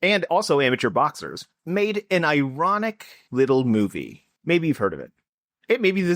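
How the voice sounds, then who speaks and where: A man co-hosting a casual comedy podcast, telling a folklore story in a jokey, lively way. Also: no room sound, studio quality. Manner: lively, jokey storytelling with big pitch swings.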